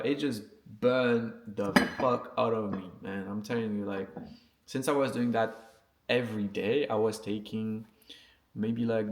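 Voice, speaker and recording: A man with a fairly low, creaky voice, a vlogger and music producer whose first language isn't English, chats unscripted to camera. He's casual, slangy and sweary but earnest, checking in with viewers often.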